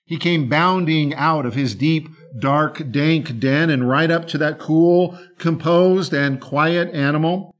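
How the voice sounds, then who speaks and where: A man narrating a dark fable with drawn-out dramatic pauses. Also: a little high. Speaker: storyteller.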